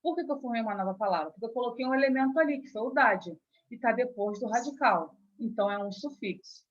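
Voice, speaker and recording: A woman with a Brazilian Portuguese accent, a teacher explaining grammar step by step and checking in often with her students. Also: fairly high pitch. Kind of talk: grammar lesson. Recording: dull lo-fi recording.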